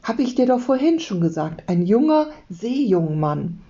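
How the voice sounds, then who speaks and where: A woman reading aloud as a secretive schoolboy who talks hushed and hasty. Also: medium pitch, lively intonation, unhurried, muffled recording, pitched above the performer's own voice, lightly acted.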